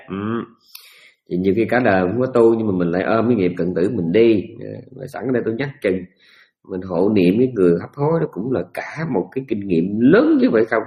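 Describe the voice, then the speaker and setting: A man's voice: fairly low pitch, creaky, a little mellow. A man giving a Buddhist dharma talk, teaching in a folksy storytelling manner with humorous asides.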